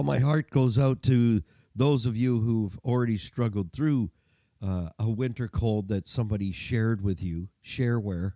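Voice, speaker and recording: A man's voice: lowish voice, mellow, dry recording, studio quality. A man hosting a folksy car show monologue, chatty and jokey, his voice gargly and congested from a winter cold. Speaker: radio show and podcast host.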